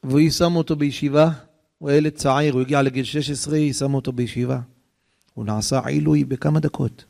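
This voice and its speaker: A man's voice: mid-range voice, steady tone, creaky, darkish tone. A man preaching a sermon, telling a story with dramatic emotion, his voice rising as the feeling grows.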